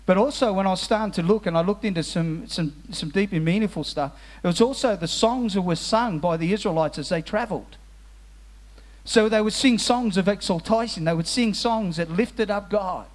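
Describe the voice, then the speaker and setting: Male pastor, high voice, earnest sermon delivery with restarts, slow soft solemn lines. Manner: earnest, repeats words as he restarts phrases; drops to slow, soft tones on solemn phrases. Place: church hall with musicians present.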